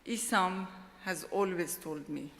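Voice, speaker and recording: A middle-aged woman gives a formal award acceptance speech at a podium microphone, in a slow, deliberate and heartfelt way. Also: fairly low pitch, a bit bright, a little hiss or hum. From Lebanon. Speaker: award laureate. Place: large ceremony hall. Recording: long hall reverb.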